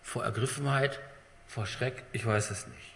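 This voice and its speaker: Bright-voiced preacher man in an echoing hall. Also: medium pitch, gravelly. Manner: dramatic, swinging between loud emphasis and hushed, slow lines. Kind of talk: sermon. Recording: long hall reverb.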